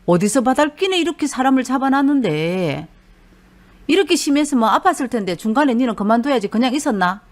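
A woman's voice: high-pitched, sing-song, fairly quick. A woman voicing her exasperated middle-aged husband, who scolds bluntly in a Gyeongsang accent. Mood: scolding. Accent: Gyeongsang Korean.

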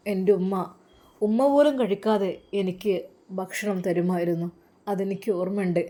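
A woman's voice: on the low side, warm tone, lightly acted. A woman voicing a devoted young male religious teacher, an earnest, pleading son.

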